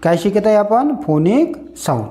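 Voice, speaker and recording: In a slow phonics lesson for beginners, a man with a high, sing-song, warm voice teaches English at a moderate pace. He uses repetitive call-and-response, posing questions and then answering them himself.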